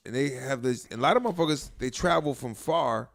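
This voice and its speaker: A man's voice: mid-range voice, brisk, gravelly, fairly bright tone. A man cohosting a podcast in casual chat, telling stories with lots of swearing and laughter. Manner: profane, laughing storyteller.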